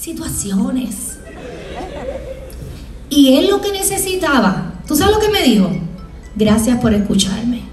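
A woman professor with a Puerto Rican accent, giving a lively motivational talk to students and acting out little scenes as she tells them. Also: high-pitched, slow, pauses often, soft background music. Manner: lively, acts out scenes in small voices. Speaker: university professor. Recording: echoey room, from far off.

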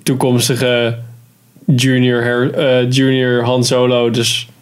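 A man's voice: medium pitch, level tone, slow pace. A man co-hosting a casual podcast chat who talks loosely and often hesitates while searching for words. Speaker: podcast co-host.

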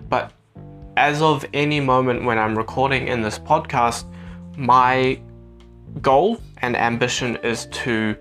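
A young man with a New Zealand accent records a casual solo podcast on his phone's voice recorder. He speaks earnestly and reflectively at a middling pitch, with guitar music behind him. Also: a bit bright. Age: young adult. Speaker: podcast host.

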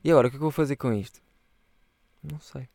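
A man's voice: medium pitch, very fast, vocal fry, darkish tone, dry recording. A young man chatting casually on a solo podcast, rambling in loose slang and swearing freely. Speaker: podcast host.

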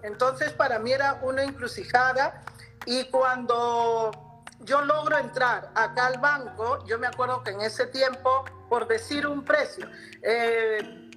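A woman's voice: fairly high pitch, unhurried, fairly bright tone, soft background music, rough recording. A woman with a Peruvian accent, earnestly telling her personal faith story in an interview and often tagging her phrases with a questioning "¿no?". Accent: Peruvian Spanish. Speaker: interviewee giving a faith testimony. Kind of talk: personal testimony in conversation.

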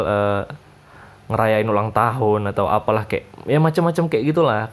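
A young man from Indonesia, giving his opinions in a casual, chatty monologue full of fillers. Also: medium pitch.

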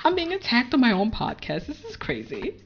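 A woman hosting a podcast in casual chat, animated and laughing often, switching between English and Danish. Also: fairly high pitch, brisk. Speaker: podcast host. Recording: dull lo-fi podcast audio.

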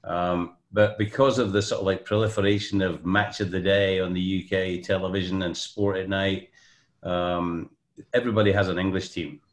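A man's voice: deep voice, little pitch movement, normal speed. Older Scottish man telling rambling stories. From Scotland. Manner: rambling anecdotal storyteller, many ums and restarts. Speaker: guest. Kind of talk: casual podcast chat. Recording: roomy echo.

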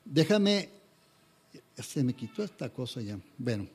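A man's voice: medium pitch, very animated, measured pace, darkish tone, husky. A man preaching a sermon as pastor, in an earnest, conversational way, often restarting and stumbling over his words.

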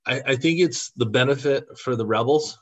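A man's voice: medium pitch, moderate pace. A man guest on a podcast telling heartfelt stories in an earnest, at times emotional way. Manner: earnest, emotional when recounting. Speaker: podcast guest, costumed volunteer. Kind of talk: storytelling in an interview.

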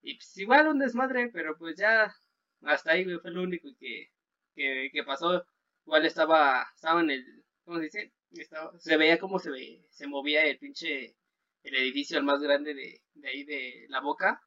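A young man with a Mexican Spanish accent talks in a laid-back, slangy way, full of fillers. His voice is bright and sharp and sits a little high. The sound is dull and lo-fi. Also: normal speed. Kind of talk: casual chat.

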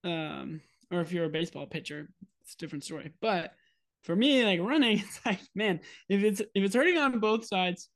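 A young man co-hosting a podcast in relaxed casual chat, talking with many fillers and laughing easily. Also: high-pitched, moderate pace. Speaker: podcast co-host.

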